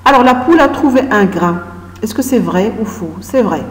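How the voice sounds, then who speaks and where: A woman's voice: mid-range voice, expressive. A woman teacher leading a reading lesson for young children, sounding out syllables one by one and praising often. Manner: slow, syllable-by-syllable, frequent praise. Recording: echoey room with long reverb.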